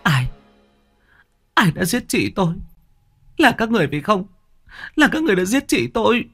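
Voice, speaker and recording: A man's voice: on the high side, big pitch swings, fairly quick, slightly rough, soft background music, pitched above the performer's own voice. A man voicing a desperate young woman who pleads for and grieves her sister, wailing and pleading.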